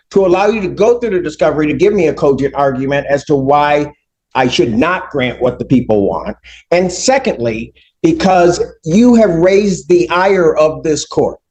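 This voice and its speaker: A man's voice: fairly high pitch, darkish tone, poor audio. A middle-aged man presiding as judge, speaking sternly and emphatically on a courtroom recording. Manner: stern, lecturing, measured and emphatic. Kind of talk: courtroom proceedings.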